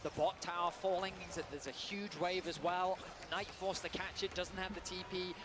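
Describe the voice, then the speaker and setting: A man casting an esports match play by play with energetic, rapid calls. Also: high voice. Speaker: esports caster.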